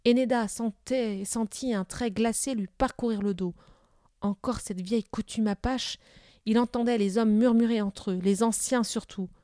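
A woman narrating a children's novel aloud in a steady, even storytelling manner. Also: a little high, normal speed, dry recording, studio quality.

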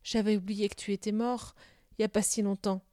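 A woman reading aloud and voicing a wary, quick-tempered runaway boy who shouts when angry. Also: mid-range voice, level tone, dry recording, clean studio sound, close to an everyday voice. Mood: soft. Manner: pleading, then shouting with anger.

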